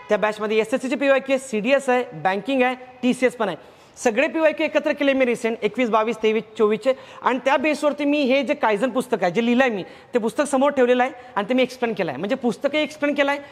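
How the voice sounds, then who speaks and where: A man's voice: very high voice, big-room sound. A man with a Marathi accent teaching vocabulary in a lecture, who repeats words in lists and asks himself questions.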